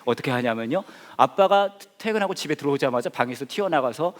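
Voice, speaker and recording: A man's voice: mid-range voice, fast talker, big-room sound, noisy background. A man preaching, a pastor telling a story with humor and acting out the people in it. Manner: animated, jokey, acts out voices.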